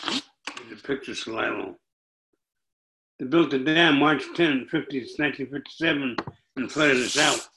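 An older man, a storyteller and poet, telling his story and then reading his poems in a slow, measured, deliberate way. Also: mid-range voice, vocal fry, background noise.

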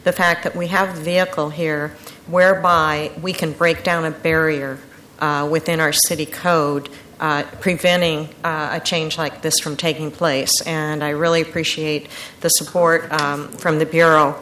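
A woman gives public testimony in a hesitant, measured way with frequent pauses. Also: low voice, level tone, a bit bright. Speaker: citizen giving public testimony. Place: public meeting room. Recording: faint background room noise.

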